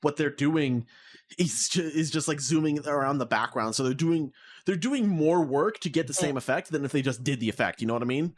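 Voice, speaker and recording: A man with a voice on the high side talks fairly quickly through his mic on an online call. Co-hosting a casual podcast, he rambles and rants in exasperation, dropping lots of fillers along the way.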